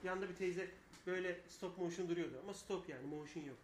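A man's voice: high-pitched, fast talker, reverberant, slight background noise. A man co-hosting a live radio show, telling long rambling stories and swearing freely. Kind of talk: casual live radio banter.

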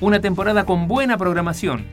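A man's voice: sits high, fast, soft background music. A man with an Argentine accent reading a scripted retrospective narration. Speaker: documentary narrator. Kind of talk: scripted narration of a year in review.

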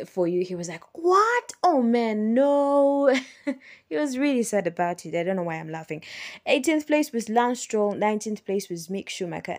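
A woman's voice: mid-range voice, darkish tone. A woman hosting a casual motorsport recap, chatty and unscripted, often laughing and stopping to search for names. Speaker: Formula One recap host.

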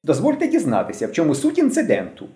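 A pompous, ceremonious boy who styles himself a director, as the male narrator puts him on. The voice rises and swings, with a mellow, roomy sound. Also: on the high side, wildly swooping pitch, quick pace, pitched above the performer's own voice.

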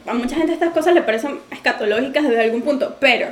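High-voiced woman, echoey room. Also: quick pace. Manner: candid, expressive, laughing. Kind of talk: casual podcast chat.

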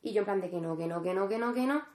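A woman's voice: mid-range voice, very fast. A young woman, a podcast co-host telling a personal story in casual chat, acting out the people she quotes. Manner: animated storyteller, acts out quoted dialogue. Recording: roomy echo.

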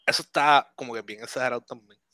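A man chatting casually about a movie on a podcast, animated and mixing in English words. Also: medium pitch, fast talker, no room sound. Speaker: podcast co-host.

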